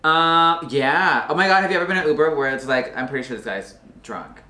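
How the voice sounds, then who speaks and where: Bright, sassy drag queen. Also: mid-range voice, animated, a little fast, reverberant. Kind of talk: casual reaction banter. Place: indoor studio with plain lit backdrop.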